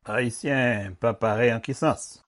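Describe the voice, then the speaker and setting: A man's voice: mid-range voice, slow pace, fairly bright tone. A man hosting a radio interview, introducing his guest formally and asking questions. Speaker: radio host.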